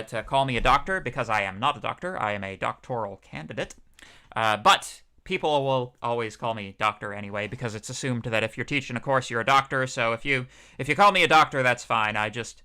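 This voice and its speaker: A man's voice: medium pitch, pushed and bright, clean tone. A young man, a PhD student teaching a university course, giving a casual livestreamed lecture in a chatty, rambling way with many fillers.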